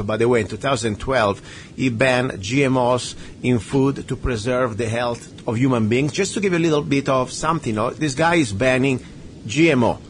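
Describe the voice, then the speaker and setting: A man with medium pitch hosts a political talk show, speaking English as a non-native speaker. He talks informally and with conviction, often putting rhetorical questions. A low rumbling noise sits behind his voice. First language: not English. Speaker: radio show host. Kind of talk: impassioned political interview talk.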